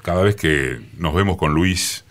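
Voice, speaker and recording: A man in his sixties with a Rioplatense accent and a booming, forceful deep voice, telling his story in a radio studio interview with many pauses. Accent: Rioplatense Spanish. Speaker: radio journalist guest. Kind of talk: reminiscing interview talk.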